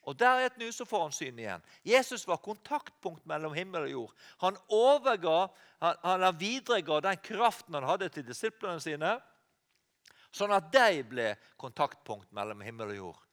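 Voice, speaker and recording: Animated high-voiced Norwegian preacher. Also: male voice. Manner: animated preaching, rising to loud cries, with restarts and self-corrections. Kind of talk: sermon.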